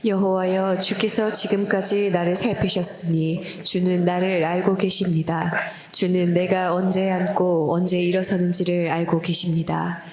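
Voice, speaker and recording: A congregation, many voices led by women, reading scripture aloud together. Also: female voice, on the low side, little pitch movement, a crowd in the background. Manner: reading together slowly and evenly.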